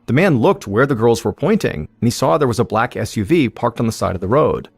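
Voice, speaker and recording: A man hosting a podcast, telling a true-crime story in measured, suspenseful scripted narration. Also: medium pitch, lively intonation, vocal fry, darkish tone, husky, no room sound. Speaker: podcast host.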